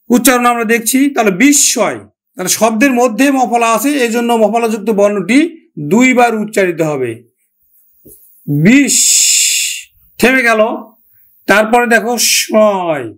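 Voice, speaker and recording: A man teaching a pronunciation lesson, talking directly to students and repeating example words slowly. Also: extremely high pitch, fairly bright tone. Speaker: Bengali language teacher. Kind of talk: classroom-style grammar lesson.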